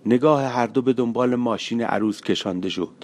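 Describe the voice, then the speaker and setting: A man reads a short story aloud as an audiobook. He narrates in a measured, colloquial way at a middle pitch, softening into quieter passages.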